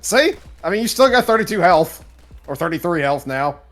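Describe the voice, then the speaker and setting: A man's voice: high-pitched, sing-song, moderate pace, a bit bright, faint music behind. A man co-hosting a game stream, playful and teasing, jumping into silly voices. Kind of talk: casual gameplay chat.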